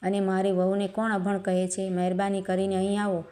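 A woman voicing a sharp-tongued older mother-in-law who scolds and commands but fiercely defends her daughter-in-law, in a flat, even reading. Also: mid-range voice, brisk, natural voice. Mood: furious.

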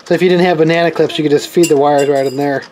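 A man's voice: a little high, fairly even intonation, fast talker, darkish tone. A man chatting informally as he hosts a hands-on demonstration, thinking aloud as he goes. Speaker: host of electronics and radio unboxing videos. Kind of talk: casual chat, hands-on demonstration. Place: indoors at a cluttered desk. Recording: noisy home camera recording. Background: clear background noise.

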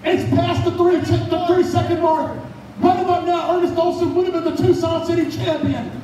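High-pitched male wrestling commentator in echoey venue. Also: normal speed, slight background noise. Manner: excitable, shouting at big moments. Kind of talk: live play-by-play wrestling commentary. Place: indoor bar venue with wrestling ring. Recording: echoey venue from far off, loud crowd and music.

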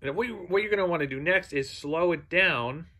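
A man talking through a software tutorial step by step, in a halting, instructional way with fillers and restarts. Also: a little high. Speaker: video tutorial maker.

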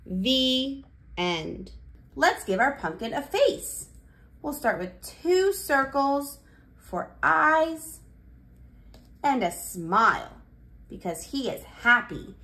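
This woman in her thirties speaks in a high, very animated voice with a sharp tone, going extremely slowly. A children's educational presenter and storyteller, she delivers a toddler lesson and reads picture books aloud in simple, exaggerated child-directed speech.

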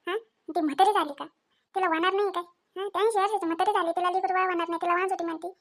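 A woman voicing a sharp village mother-in-law who scolds and keeps demanding answers. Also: extremely high pitch, fairly even intonation, very fast. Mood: scolding.

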